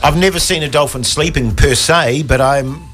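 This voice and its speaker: A man's voice: fairly high pitch, moderate pace, fairly bright tone, soft background music. A man with a New Zealand accent making casual, bantering conversation as a radio show host.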